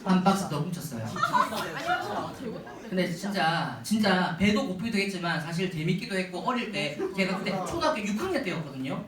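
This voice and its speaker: A man delivers a funny, story-driven sermon to a youth retreat, animated and often speaking directly to the audience. His voice sits high and moves fairly quickly. He's recorded from a distance in a large, echoey hall with a loud crowd.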